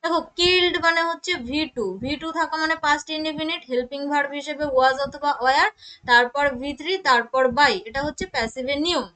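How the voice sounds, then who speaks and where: A young woman with a Bengali accent teaching English grammar for an exam, reading the English options slowly and explaining them in quicker Bengali. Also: high-pitched, bright, forceful tone, poor audio. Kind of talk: exam-prep lesson.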